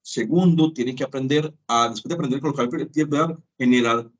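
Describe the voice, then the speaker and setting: A man with a mid-range voice talks fast while teaching a web conference lecture, and the sound is lo-fi. His manner is chatty, with little dialogues acted out as examples.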